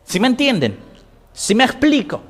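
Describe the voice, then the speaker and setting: A male pastor delivering a sermon with a notably high voice. He keeps asking the congregation questions and filling in the answers himself, rising to loud emphatic readings before dropping into soft, low remarks. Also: sing-song, moderate pace. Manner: preaching with call-and-response questions to the congregation; swings between raised emphatic reading and low, quiet asides.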